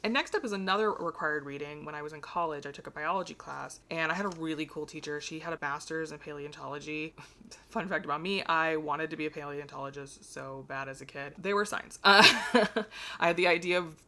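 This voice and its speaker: A woman book vlogger rambling casually to camera from her home library, chatty and self-deprecating, a little hoarse from losing her voice, with a slight vibrato. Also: low voice, brisk, sharp tone. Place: home library between bookcases.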